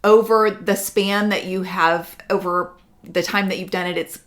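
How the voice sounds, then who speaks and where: A woman's voice: on the low side, steady tone, unhurried, fairly bright tone. A woman hosting a podcast interview, drawing out her guest with encouraging questions. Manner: encouraging, frequent murmured agreement. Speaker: podcast host. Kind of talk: interview chat.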